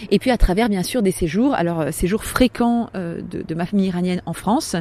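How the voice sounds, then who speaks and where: A woman in her forties telling her family story in a podcast, talking hesitantly with frequent pauses and restarts. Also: mid-range voice, mellow. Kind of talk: personal storytelling.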